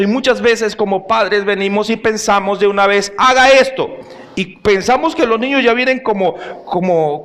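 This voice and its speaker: A middle-aged male pastor preaching a sermon, telling anecdotes and putting questions to the congregation. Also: high-pitched.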